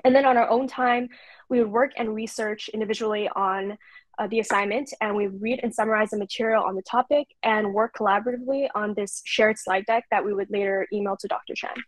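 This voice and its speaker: A woman in her twenties from California, presenting prepared slides on a video call in a steady, read-aloud way. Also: medium pitch, fairly quick, no echo. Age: 20s. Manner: clear, steady reading of prepared notes. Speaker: intern presenter.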